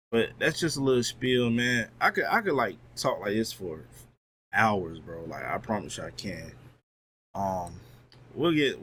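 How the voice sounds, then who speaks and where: Young male streamer, casual motivational chat, very animated delivery, light noise floor. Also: fairly low pitch. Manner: casual, lively, talks to chat with slang. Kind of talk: motivational talk on a livestream.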